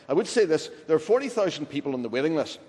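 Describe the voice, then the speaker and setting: An older man with a Northern Irish accent giving a deliberate, emphatic formal answer as a politician, repeating his points. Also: on the high side, very animated, darkish tone. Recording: reverberant large hall.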